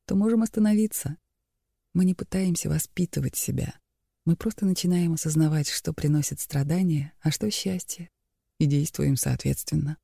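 A man calmly reading a spiritual book aloud as a narrator, in a measured, even manner. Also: a little high, creaky, husky, no room sound, studio quality. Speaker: audiobook narrator.

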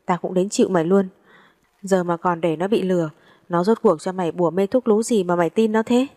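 A woman's voice: on the low side, fairly even intonation, fairly quick, dark tone, lightly acted. A woman voicing a blunt, impatient, foul-mouthed young woman who scolds her friend like an older sister in a story reading. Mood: scolding.

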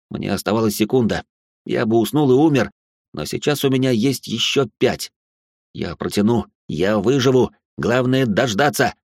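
Close to the mic, a man with a lowish voice tells a story in the first person, tense and expressive, with sudden outbursts. There is no room sound.

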